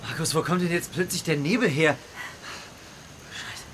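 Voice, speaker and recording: Against clear background noise comes a man playing an anxious young male hiker in an audio drama. His voice sits high, and he stammers and repeats himself as panic takes hold. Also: normal speed, a bit bright, close to an everyday voice. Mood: worried. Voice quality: stammering when frightened.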